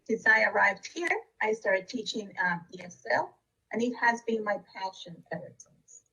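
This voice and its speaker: Husky-voiced woman presenting. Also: medium pitch, moderate pace, bright, forceful tone, recorded from a distance, low-quality recording. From Costa Rica. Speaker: district education leader. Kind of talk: recorded webinar presentation.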